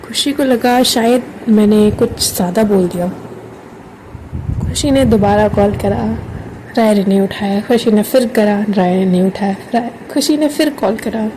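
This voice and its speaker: A woman's voice: mid-range voice, a little slow, background noise. A woman narrating a love story in a chatty, conversational way. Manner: chatty, conversational telling with English words mixed in.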